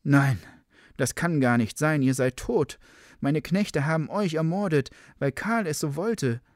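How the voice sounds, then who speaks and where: A man's voice: fairly high pitch, a little slow, no echo, pitched above the performer's own voice, close to an everyday voice. A man voicing a scheming, cowardly nobleman who was caught out and now pleads nervously and defensively, in a read-aloud legend with a dry sound. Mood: shocked.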